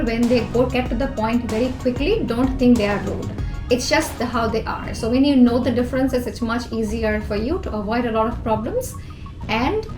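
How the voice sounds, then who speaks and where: A woman from Bangladesh with a Bangladeshi English accent, earnestly explaining numbered tips with everyday examples in a talking-to-camera advice vlog. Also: on the high side. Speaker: youth organisation president and vlog host. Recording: echoey room with music behind.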